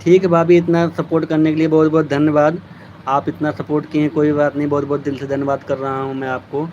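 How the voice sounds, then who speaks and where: A man's voice: on the high side, little pitch movement, fast, darkish tone, highs cut off, a little hiss or hum. Chatty man hosting a phone live stream. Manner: chatty, teasing, thanking viewers by name. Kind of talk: casual live-stream chat with viewers.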